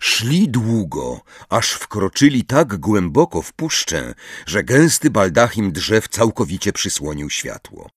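A man reading an audiobook in measured, expressive scripted narration. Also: fairly low pitch, slightly rough, dry recording, studio quality.

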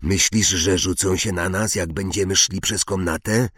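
A man's voice: deep voice, fairly even intonation, normal speed, a bit bright, breathy edge, dry recording, studio quality. A man voicing a jumpy young schoolboy wizard who grumbles and jokes sarcastically. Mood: nervous.

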